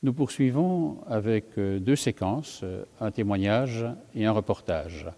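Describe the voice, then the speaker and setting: Male priest, mellow tone, halting homily full of "euh", long church reverb. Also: on the low side, soft background music. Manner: thoughtful, many fillers and self-corrections. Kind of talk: sermon.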